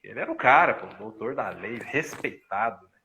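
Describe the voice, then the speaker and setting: A man's voice: mid-range voice, normal speed. A Brazilian man giving a casual spiritist study talk, telling stories and acting out the people in them with laughs along the way. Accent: Brazilian Portuguese. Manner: animated storyteller who acts out quoted lines with laughs. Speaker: spiritist study group presenter.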